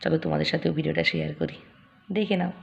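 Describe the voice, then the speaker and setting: A young woman in her early twenties with a Bengali accent, chatting quickly and casually in her daily vlog. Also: deep voice, steady tone, vocal fry, lo-fi sound. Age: early 20s. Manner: chatty, talks fast by habit. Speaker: vlogger.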